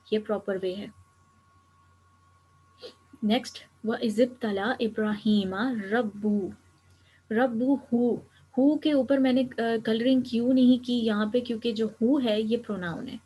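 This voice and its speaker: A woman's voice: fairly high pitch, warm tone, poor audio. A woman teaching an Arabic grammar lecture, explaining each step patiently and slipping English terms into her talk.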